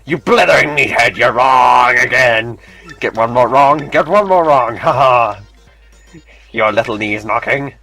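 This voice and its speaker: A man's voice: medium pitch, measured pace, sharp tone, faint music behind. A man voicing a boastful, pirate-like stone quiz master while reading game dialogue aloud. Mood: gloating. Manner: gloating, theatrical.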